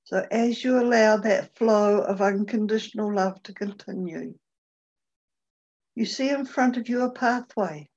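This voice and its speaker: A woman leading a guided meditation, speaking gently and unhurriedly with long pauses. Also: medium pitch, lo-fi sound.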